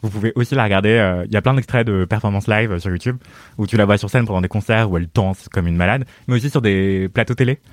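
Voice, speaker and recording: A man talks excitedly on a podcast. He gushes and rushes, filling his sentences with hesitations and restarts. The sound is dry and close, with no room around it. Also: fairly low pitch, dry recording. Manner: gushing, fast, many fillers and restarts. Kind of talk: casual podcast chat.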